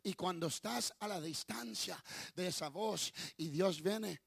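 A male preacher delivering a sermon, swinging from quiet asides to shouted declarations and slipping into English phrases. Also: high voice, unhurried, gravelly, husky, dry recording, studio quality. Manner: dramatic, slips into English phrases.

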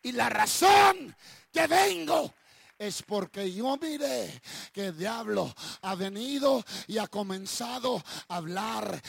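A male preacher delivering a sermon, swinging from quiet asides to shouted declarations and slipping into English phrases. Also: high voice, gravelly, dry recording, studio quality. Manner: dramatic, slips into English phrases.

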